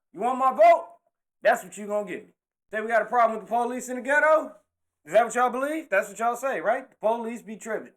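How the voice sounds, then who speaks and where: A man delivering an impassioned monologue to camera, animated and slangy, talking with his hands. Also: high-pitched. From California. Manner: animated, preachy, slangy street talk, gestures while talking. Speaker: political commentator.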